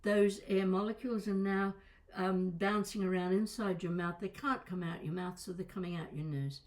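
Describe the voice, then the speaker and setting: An older woman presenter and voice coach speaks to camera at a normal speed in a steady, mid-range voice. Her informal lesson is conversational and digressive with wry touches, and slight crackles and small breaks mark her voice.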